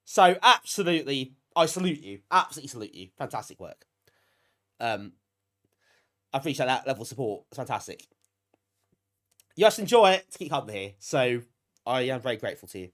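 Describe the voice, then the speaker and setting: Here's a British retro gaming streamer, nose blocked from a cold he's recovering from, speaking in a mid-range voice that's very animated, brisk and fairly bright, with frequent pauses. He chats casually to viewers, mocks himself a bit, and clearly values them.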